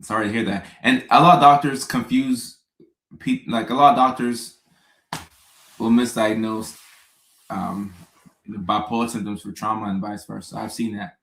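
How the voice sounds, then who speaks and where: A man, hosting a casual live stream and answering viewer questions in a relaxed, chatty way with joking asides. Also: fairly low pitch, moderate pace, gravelly, pauses often, roomy sound, low-quality recording.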